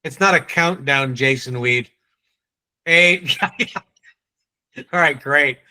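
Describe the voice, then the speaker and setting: Leading a live online sales training, a man with a New England accent briskly quizzes and teases his audience. His voice sits at a medium pitch, bright and forceful.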